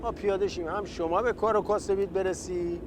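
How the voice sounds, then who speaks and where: A man's voice: sits high, steady tone, close to an everyday voice. A man playing a cheeky, devoted taxi-driver son, chatty, complaining and effusively polite, in scripted political satire. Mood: joking. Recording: clear vehicle and street noise.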